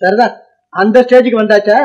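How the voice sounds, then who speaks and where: An actor playing a defiant young nephew in a 1950s film, arguing and declaiming formal lines. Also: male voice, high voice, steady tone, a little fast, a little mellow, lo-fi sound, lightly acted. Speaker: nephew in the household.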